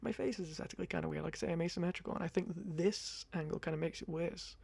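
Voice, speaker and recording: Speaking into a close condenser mic, a young ASMR creator in his twenties rambles casually to camera in a chatty, self-deprecating way. His high-pitched voice races along with a creaky, slightly rough, darkish tone.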